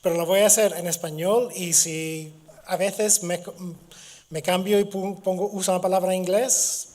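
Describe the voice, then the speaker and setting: His voice sits high, with a steady, darkish tone. A middle-aged Gibraltarian guest lecturer and native English speaker, he delivers a university lecture through cold-induced hoarseness, pausing, restarting and filling gaps.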